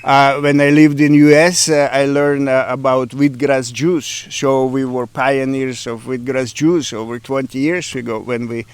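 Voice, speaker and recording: Middle-aged Ukrainian-accented man, smooth voice. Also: mid-range voice, little pitch movement, a little slow, hardly any pauses, no room sound. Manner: hesitant, many fillers, broken grammar. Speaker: interviewee, café owner. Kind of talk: casual interview.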